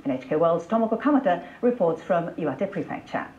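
A female anchor presents scripted television news in a lowish, slightly mellow voice with lively intonation, speaking a little fast. The broadcast is replayed over speakers in a lecture room, so it sounds dull and echoey, like playback in a hall.

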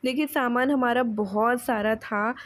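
A woman's voice: a little high, fairly even intonation, measured pace, background noise. A woman in her thirties narrating her vlog in a chatty, heartfelt voice-over. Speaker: vlogger. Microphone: voice-over mic.

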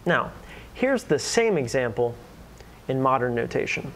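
A man teaching singing, speaking calmly and patiently and singing chant and solfege slowly as demonstrations. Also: mid-range voice, a little hiss or hum. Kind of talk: instructional voice-over with sung demonstrations.

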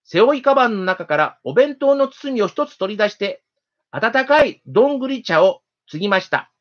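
A storyteller reading a children's story aloud in a gentle, steady, expressive manner. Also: medium pitch, normal speed. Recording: dull lo-fi recording.

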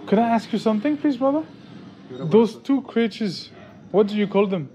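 A man's voice: high-pitched, lively intonation, normal speed, a crowd in the background. A man in his thirties with a French accent, chatting enthusiastically as a travel vlogger while filming himself outdoors on an action camera. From France. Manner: enthusiastic, chatty, laughs often. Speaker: vlogger host. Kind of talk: casual travel vlog chat. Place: outdoor temple courtyard and streets. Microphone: action camera at arm's length.

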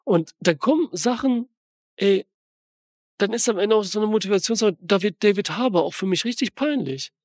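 A man hosting a film podcast, rambling excitedly and slangily as he retells and tears apart a movie in casual chat. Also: high-pitched, normal speed, no room sound, studio quality.

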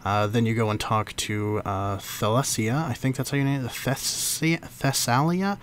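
A man's voice: lowish voice, moderate pace, a little hiss or hum. A man hosting a casual game walkthrough, talking loosely with many fillers and stumbling over names. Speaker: game guide host.

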